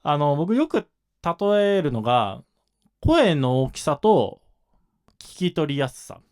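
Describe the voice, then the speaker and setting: Man with lively, animated delivery. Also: fairly high pitch, slow pace, clear, resonant tone. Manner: patient, explanatory, with frequent fillers. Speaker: shamisen instructor. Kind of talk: explanatory lesson talk.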